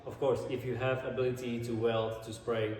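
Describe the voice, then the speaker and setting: A man from Slovakia with a Slovak accent, talking casually and earnestly to his vlog audience in slightly halting non-native English. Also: mid-range voice, little pitch movement, a little mellow. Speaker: drifter and car-building vlogger. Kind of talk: casual vlog talk to camera. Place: large indoor garage. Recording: echoey garage, distant mic, background noise.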